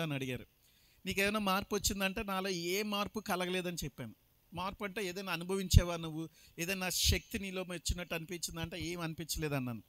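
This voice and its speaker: A man's voice: sits high, fairly bright tone. A man preaching his testimony as a pastor, emphatic and slipping English phrases into his talk. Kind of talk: sermon testimony.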